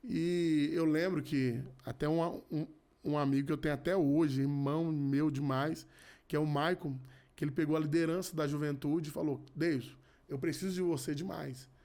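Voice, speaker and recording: A man in his thirties speaks as a podcast guest, sharing a personal faith testimony. His voice sits a little high, and his talk is earnest, with frequent restarts and repeated phrases. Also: fairly even intonation, moderate pace, a little mellow. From Rio de Janeiro. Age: 30s. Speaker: podcast guest, gospel musician. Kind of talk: casual testimony.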